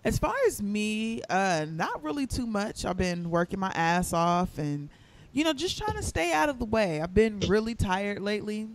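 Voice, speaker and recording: Podcast co-host, male, high voice, loose rambling delivery, muffled and distant as if heard through a wall. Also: big pitch swings, moderate pace, gravelly. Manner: laid-back, rambling storytelling. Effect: sounds far away and muffled, as if heard through a wall. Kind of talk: casual chat. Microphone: far from his microphone, in a quiet room.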